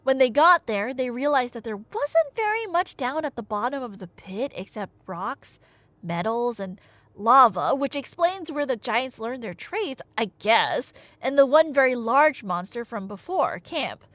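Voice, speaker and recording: A woman with a fairly high pitch speaks unhurriedly, with no echo. She's an audio roleplay storyteller doing a casual, rambling, comic retelling of myths, nerdy and slangy in tone, animated, and prone to self-interrupting asides.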